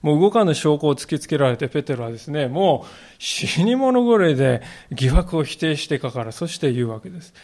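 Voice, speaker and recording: Male pastor, sermon, conversational storytelling, animated pitch, slightly high voice. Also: fairly quick, hardly any pauses. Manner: conversational storytelling, acting out quotes.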